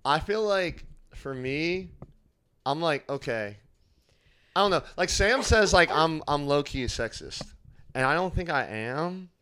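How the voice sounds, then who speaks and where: A man's voice: a little high, animated, a little slow, fairly bright tone, clear, resonant tone. A man co-hosting a podcast, telling stories playfully in a casual chat and laughing often. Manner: playful, storytelling, laughs a lot. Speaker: podcast co-host.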